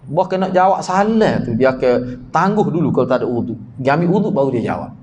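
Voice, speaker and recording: A man with a Kelantanese Malay accent teaches a hadith class, explaining terms conversationally and quizzing his students. His voice sits fairly high and swings widely in pitch. A faint hum of room ambience runs underneath. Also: animated, quick pace, a little mellow. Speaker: religious teacher.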